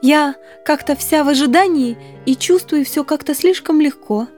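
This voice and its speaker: Woman reading excitable young woman, high-pitched, exclamatory, mellow, storybook. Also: moderate pace, faint music behind, natural voice. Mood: earnest. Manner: breathless, exclamatory. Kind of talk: audiobook character reading.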